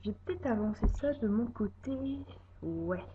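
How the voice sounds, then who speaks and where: Halting casual game walkthrough, lots of ums, lo-fi mic with hiss behind. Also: medium pitch. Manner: hesitant, filler-heavy, many "voilà" and "euh". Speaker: YouTuber showing a building project. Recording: dull lo-fi mic with steady noise.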